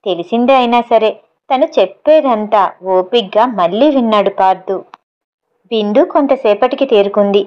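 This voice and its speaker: A woman's voice: fairly high pitch, moderate pace, lo-fi sound. Woman reading a story aloud.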